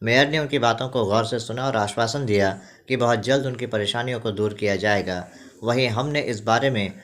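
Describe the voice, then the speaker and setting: Male news voice-over, bright tone, measured formal reading. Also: mid-range voice. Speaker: news reporter. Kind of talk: scripted news narration.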